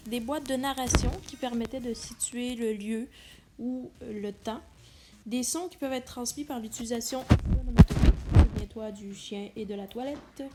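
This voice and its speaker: A woman with a high-pitched yet darkish voice presents an instructional video, explaining a lesson to students. She speaks directly to the listener, stressing key words.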